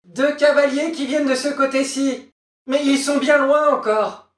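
A young sister on a lookout tower calls down in a high, ringing falsetto. She answers slowly and loudly, as if across a distance. A storybook sister on watch. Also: steady tone, reverberant. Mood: calling out. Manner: high falsetto, calling out from afar. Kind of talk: storybook reading.

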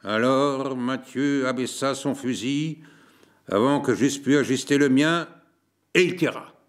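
Man, audiobook narrator, measured reading, unhurried, mid-pitched voice.

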